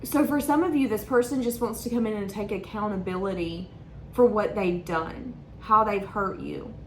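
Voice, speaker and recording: A woman's voice: medium pitch, normal speed, roomy sound, slight background noise. A woman giving a tarot reading to her viewers, talking in an emotional, rambling, repetitive way. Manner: emotional, stream-of-consciousness, repeats herself. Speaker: tarot reader.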